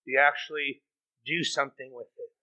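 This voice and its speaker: A middle-aged man preaching a sermon as pastor, animated and acting out quoted voices. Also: mid-range voice, a little fast, rough recording. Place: church sanctuary.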